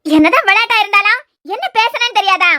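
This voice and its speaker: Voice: very high-pitched, lively intonation, fast, bright, forceful tone, dry recording, studio quality, exaggerated voice. A voice artist playing a harshly scolding mother-in-law in a cartoon serial, with a Kanyakumari Tamil accent.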